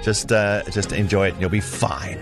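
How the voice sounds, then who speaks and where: A man's voice: low-pitched, steady tone, moderate pace, over music. A South African man hosting a breakfast radio show with casual, playful banter, often repeating phrases for emphasis. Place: radio studio.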